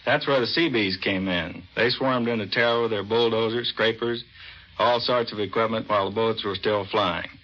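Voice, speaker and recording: On a dull vintage recording of 1940s radio, an American navy commander gives a scripted interview in a plain, matter-of-fact way. His voice is lowish and he speaks at a normal speed.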